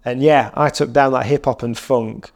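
A man hosting a podcast interview, musing aloud and asking relaxed follow-up questions. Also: mid-range voice, normal speed. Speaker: podcast host. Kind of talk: casual interview chat.

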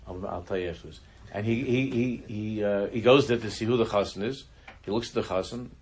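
A man teaching a religious class, telling a story in a halting way, often restarting his sentences. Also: fairly low pitch, a little mellow, a little hiss or hum. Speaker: Torah teacher.

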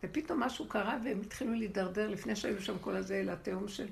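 A woman giving an expressive, rhetorical religious lesson to a women's group, often laughing as she talks. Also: medium pitch, gravelly. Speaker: spiritual teacher.

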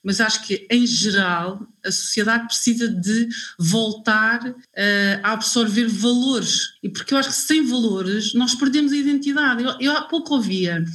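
A woman's voice: a little high, unhurried, a bit bright. Hesitant woman. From Angola. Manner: hesitant, searching for words with many fillers. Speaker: panel speaker. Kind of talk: panel discussion.

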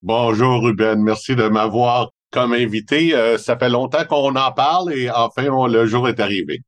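A man's voice: medium pitch, normal speed. A man in his sixties with a Montreal French accent, a guest explaining his work in an interview, sometimes correcting himself mid-sentence. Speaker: guest family advisor. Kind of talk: interview answers.

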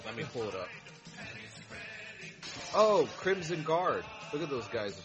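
A man co-hosting a casual podcast, teasing the others with deadpan jokes. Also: on the high side, a little slow, dull audio, music in the background. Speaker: podcast co-host.

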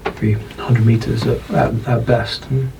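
A man with a British accent, narrating as dungeon master in an unhurried, descriptive way. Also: mid-range voice, level tone, creaky, background noise. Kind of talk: narrating a tabletop game.

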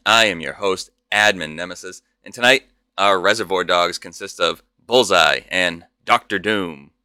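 A man hosts a podcast in the manner of a circus ringmaster. His voice is bright and forceful, with theatrical, scripted announcing. The sound is dry and close. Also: low-pitched, normal speed, clean tone, no echo. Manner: ringmaster-style showman announcing. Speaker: podcast host.

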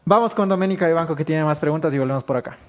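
Male host, pushes with pointed questions, a bit high-pitched. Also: racing. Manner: pressing questions, frequent short backchannels. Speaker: interview host. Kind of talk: probing news interview.

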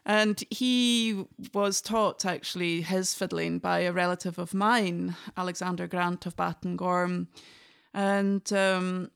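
A woman with a Highland Scottish accent, chatting reflectively and telling anecdotes as a podcast guest. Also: steady tone, slow pace, creaky, smooth. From Inverness, north of Scotland. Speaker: podcast guest, fiddle player. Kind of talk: casual interview conversation.

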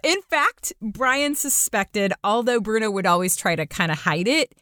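Woman narrating with a lively, swooping pitch. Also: unhurried, no room sound, clean studio sound. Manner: playful, chatty asides to the listener. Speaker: podcast host and narrator. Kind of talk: scripted storytelling narration.

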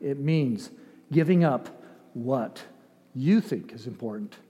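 In a mid-range, mellow, expressive voice at a slow pace, an older man who grew up in Ethiopia preaches. His style is emphatic but conversational, featuring rhetorical questions and dramatized asides. The recording is muffled, with long hall reverb.

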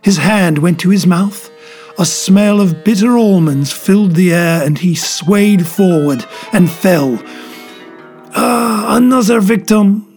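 A man's voice: sits high, measured pace, a little mellow, faint music behind. A man narrating a mystery story in the first person with urgent, vivid storytelling. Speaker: audiobook narrator.

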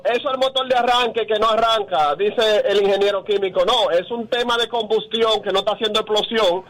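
A man's voice: high-pitched, fairly bright tone, a little hiss or hum, rough recording. A Dominican man telling jokes on a live radio show, setting each one up step by step. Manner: sets up jokes step by step with quoted voices. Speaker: joke teller on radio.

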